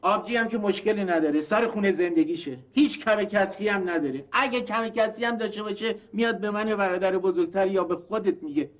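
Acting in a TV drama, a man plays the self-righteous eldest brother in a family quarrel, lecturing, scolding and insulting his siblings over an inheritance. His natural voice sits high and he speaks with few pauses.

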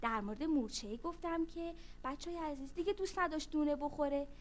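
A woman telling a story to children, lively and speaking directly to the young listeners. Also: sits high, a little hiss or hum.

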